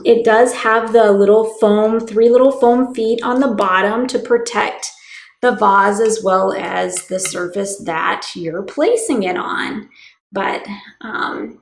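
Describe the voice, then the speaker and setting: Slow-talking chatty woman, echoey room. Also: mid-range voice. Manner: chatty, with frequent ums and small laughs. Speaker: boutique co-host. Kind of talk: casual live-stream product chat.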